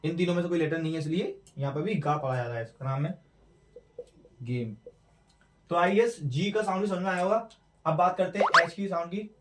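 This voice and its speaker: A man teaching English letter sounds, slowly repeating words as drills. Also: fairly high pitch, far from the mic, noisy background. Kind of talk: classroom lesson explaining at a board. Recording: roomy echo, mic away from speaker.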